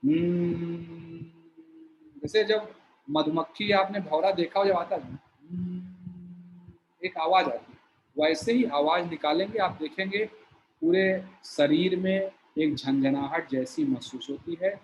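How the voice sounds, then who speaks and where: High-voiced man teaching yoga breathing. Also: dull audio, slight background noise. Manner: slow, explanatory, shows movements while talking. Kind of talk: demonstrating a breathing exercise.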